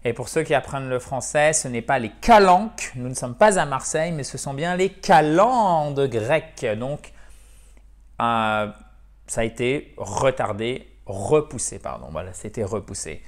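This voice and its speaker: Man teaching English, chatty. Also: mid-range voice. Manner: lively, repeats words slowly, asks ok?. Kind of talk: casual video lesson.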